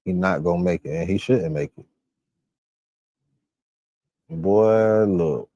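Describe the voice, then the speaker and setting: A man commentates live as he reacts on a stream, his voice low and mellow. He swears freely and bursts out in loud disbelief. The sound is close and dry, with no room around it. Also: takes it slowly, dry recording, dull audio. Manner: profane, exclamatory outbursts.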